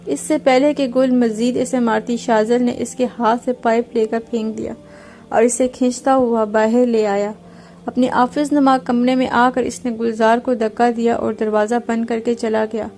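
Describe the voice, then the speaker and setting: A woman narrates a novel in a steady, even reading. Her tone is mellow and quite flat, sitting a little high. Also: gravelly.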